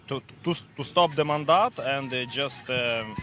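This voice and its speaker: A man with a Ukrainian accent, a truck driver answering a street interview outdoors in halting English with many restarts. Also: medium pitch. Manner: halting non-native English with many repeats.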